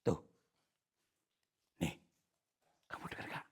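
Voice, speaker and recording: A man leading a paranormal investigation, talking in a hushed, polite, pleading way, often whispering. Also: slow. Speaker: ghost-hunting vlogger.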